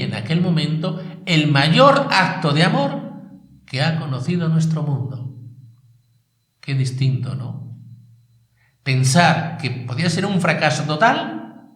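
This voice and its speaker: A man's voice: fairly high pitch, roomy sound. A male priest giving a sermon, emphatic, repeating key phrases and asking rhetorical questions.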